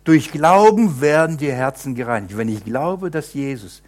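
A man preaching a sermon to a congregation. He speaks fervently, repeats phrases for emphasis, addresses his listeners directly, and swings between loud emphatic bursts and quiet low asides. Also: lively intonation, normal speed.

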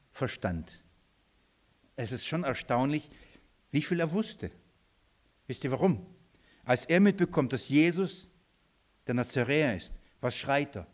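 A man preaching a sermon, asking his listeners questions and swinging between soft low asides and loud, high, emphatic lines.

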